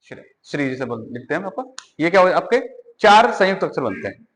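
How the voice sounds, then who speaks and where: A man's voice: a little high, very animated, fast talker, a bit bright. A man teaching a class, quizzing students and repeating the answers. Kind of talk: classroom lecture. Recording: hall reverb.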